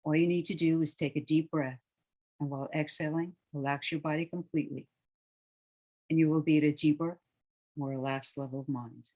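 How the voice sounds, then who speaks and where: A meditation guide leading a guided relaxation with a slow, soothing, hushed delivery that trails off softly at the ends of phrases. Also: medium pitch, steady tone.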